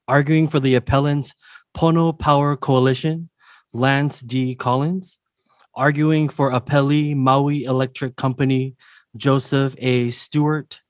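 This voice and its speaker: A man of medium pitch reads a formal court announcement as the clerk. His delivery is deliberate and official, and the sound is dry. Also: no echo. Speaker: court clerk calling the case.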